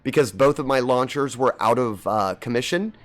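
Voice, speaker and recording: A man with a medium-pitched, slightly bright voice streams a game at normal speed, chatting casually with viewers. Seasonal allergies make his voice slightly scratchy, and he rambles in a friendly way, greeting chat members by name.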